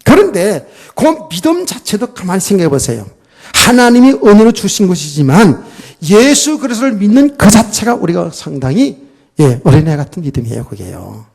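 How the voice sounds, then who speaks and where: A man's voice: high voice, sing-song, normal speed, gravelly, a little mellow, husky. A middle-aged man preaching a sermon as pastor, often putting questions to the congregation.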